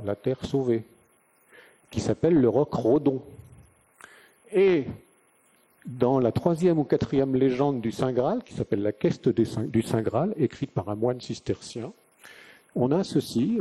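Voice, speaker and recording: A man's voice: medium pitch, dark tone, husky. An older man from northern France giving a live conference lecture, telling stories and asking rhetorical questions. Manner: conversational storytelling with rhetorical questions. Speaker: conference speaker. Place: conference venue.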